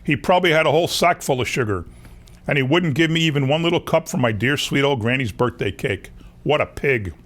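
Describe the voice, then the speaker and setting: A man's voice: mid-range voice, lively intonation, fairly quick, fairly bright tone. A man reading a children's picture book aloud as a wolf who insists he was wronged, in a folksy, confiding way. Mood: aggrieved. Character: wronged, self-excusing male wolf telling his story. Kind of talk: children's storybook narration.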